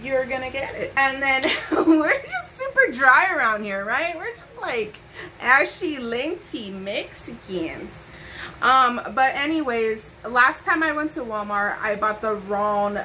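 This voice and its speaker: Young woman, sassy haul chat, bright forceful voice, slightly high, bedroom, close camera mic. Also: expressive, takes it slowly, slight background noise, poor audio. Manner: sassy, playful asides, chatty. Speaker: vlogger.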